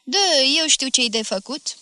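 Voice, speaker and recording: Woman voicing a village mayor, quiet, brief, uneasy, bright close dry voice. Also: sits high, no room sound.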